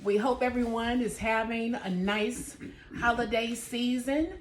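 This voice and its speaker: A woman's voice: a little high, a little slow, a little hiss or hum. A woman hosting a home baking vlog, chatting easily and speaking straight to her viewers from her kitchen. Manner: easygoing, chatty, talks to viewers directly. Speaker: home baking channel host. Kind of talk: casual cooking vlog chat.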